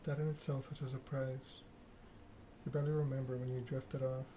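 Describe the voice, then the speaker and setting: In a medium-pitched voice, this streamer narrates the text of a story game as ASMR. His reading comes in short, deliberate, flat phrases, and clicking plus clear background noise can be heard underneath.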